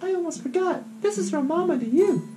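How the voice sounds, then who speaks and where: Man doing a chirpy falsetto game girl. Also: expressive, brisk. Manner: high falsetto, bright and chirpy. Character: cheerful young girl, lively and curious. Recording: guitar music playing behind.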